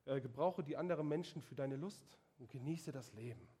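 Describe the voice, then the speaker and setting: A man's voice: medium pitch, brisk, dark tone, husky, natural voice. A man voicing a male devil who taunts and belittles the listener in a sermon. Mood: tempting.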